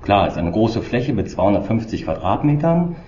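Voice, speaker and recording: A man conducting an interview in a measured way. His voice comes through a low-quality stream with degraded sound. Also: sing-song, mellow. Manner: measured, asking questions. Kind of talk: interview questions. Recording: dull, roomy, noisy lo-fi recording.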